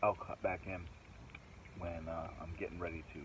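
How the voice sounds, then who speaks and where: A middle-aged man, speaking at normal speed in a low, flat voice, vlogs casually by himself while camping on a wooded island, thinking aloud and drifting into rambling tangents. The audio is noisy outdoor phone sound, captured handheld selfie-style or with the phone set down nearby, with birds and outdoor ambience behind him.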